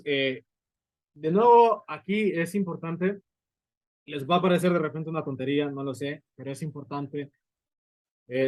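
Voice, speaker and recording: In a low-quality recording with no room ambience, a man with a fairly high voice gives a physics lecture at a board. He breaks the material down step by step and keeps pausing to make sure the class is with him.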